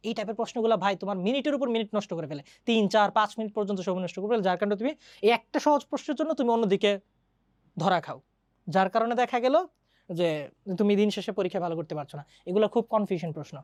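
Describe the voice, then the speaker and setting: A woman teaching an English grammar lesson, chatty and quick, often asking her students questions. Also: medium pitch, darkish tone, dry recording. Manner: mixes English grammar terms into Bengali. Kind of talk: online exam-prep lesson.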